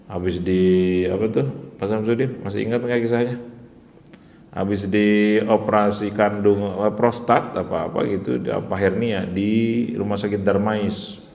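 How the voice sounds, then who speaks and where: A man teaching a religious study session, telling stories in an animated way, acting out the voices and often laughing. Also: fairly low pitch, gravelly. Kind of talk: storytelling sermon. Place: pesantren prayer hall. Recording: echoey hall.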